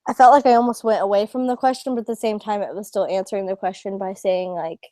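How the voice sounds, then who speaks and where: Mellow-voiced young woman student, rambling. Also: mid-range voice, steady tone, quick pace, no echo. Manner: rambling, many "like" fillers. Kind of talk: casual group discussion.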